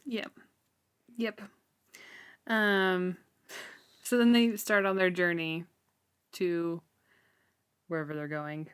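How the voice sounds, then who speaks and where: Slow and fairly even, with long pauses, this woman's lowish voice is clear and resonant. As co-host of a book read-along show, she chats informally about a fantasy novel, recounting the story with a wryly incredulous air.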